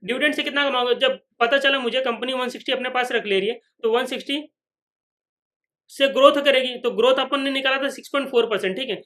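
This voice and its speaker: A man's voice: extremely high pitch, fast talker, sharp tone. A man teaching a finance lecture at a whiteboard, who repeats each point and keeps checking that the students follow. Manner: voices imagined students' questions.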